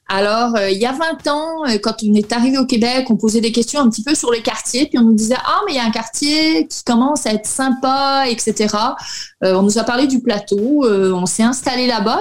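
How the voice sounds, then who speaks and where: A French woman in her forties answering podcast interview questions, pausing often with fillers. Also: a little high. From France. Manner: hesitant, many fillers. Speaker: guest.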